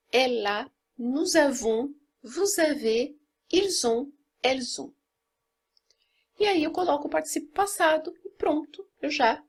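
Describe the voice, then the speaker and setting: Brazilian lady teaching french, high voice kinda husky, patient step by step explaining. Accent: Brazilian Portuguese. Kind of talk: explaining grammar lesson.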